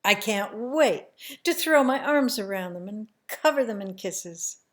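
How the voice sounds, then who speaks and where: A woman telling a family story in the first person, slow and emotional, sometimes dropping to a hushed near-whisper. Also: mid-range voice, animated.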